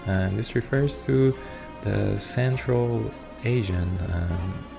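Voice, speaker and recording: This strategy game reviewer, a native Persian speaker, comments on his gameplay unscripted and hesitantly, with frequent ums and uhs over background music. His voice is lowish and creaky, and his pace is slow.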